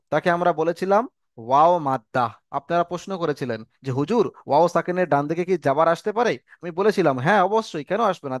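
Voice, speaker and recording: A man teaching Quran letter reading in an online class, slow and patient, repeating phrases and calling his students brother. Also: high-pitched, no room sound, clean studio sound. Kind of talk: online lesson.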